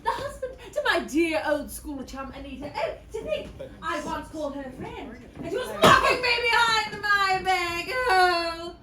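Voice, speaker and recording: A woman's voice: very high-pitched, lively intonation, moderate pace, hardly any pauses, noisy background. A woman playing a vain, haughty, glamorous villainess, speaking with posh theatrical drama. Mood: theatrical lament. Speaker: costumed character performer. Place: large crowded bar on a cruise ship. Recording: echoey crowded room, mic far off.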